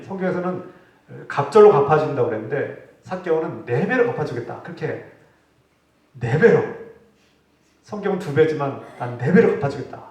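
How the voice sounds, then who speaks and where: A man preaching a sermon as pastor, his voice rising for pointed rebukes and falling for quiet points. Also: medium pitch. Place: church sanctuary. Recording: echoey hall, distant mic.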